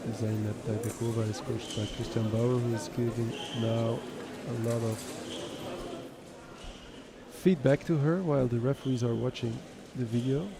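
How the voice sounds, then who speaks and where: Male fencing commentator over loud background noise. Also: medium pitch, fairly even intonation, moderate pace, gravelly. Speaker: sports commentator.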